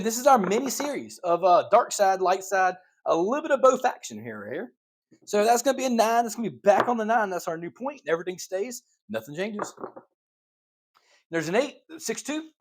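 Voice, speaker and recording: Male host, fairly high voice; chatty dealer-style patter while paying bets, a bit winded. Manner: excitable, calls rolls like a dealer, chatty asides to viewers. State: out of breath. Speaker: craps channel host demonstrating strategy. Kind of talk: casual table-game demonstration.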